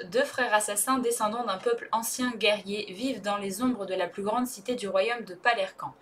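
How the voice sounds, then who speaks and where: A woman chats casually to the camera as a book vlogger. She talks in a relaxed, rambling way and keeps stopping and restarting her sentences. Her voice sits at an ordinary middle pitch for a woman. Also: slight background noise. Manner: hesitant, chatty, many fillers and restarts. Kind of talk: casual vlog chat.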